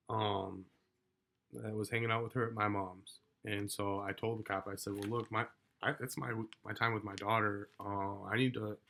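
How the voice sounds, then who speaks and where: Gravelly man telling his own story. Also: on the low side. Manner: rambling, swears, gets loud when reliving the argument. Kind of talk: casual personal account.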